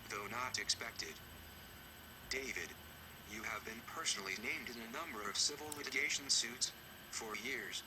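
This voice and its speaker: Anonymous male spokesman, disguised deep voice, flat and accusatory, noisy track. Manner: cold, measured, accusatory. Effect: disguised deep synthetic-sounding voice. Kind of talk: scripted recorded statement. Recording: noisy recording.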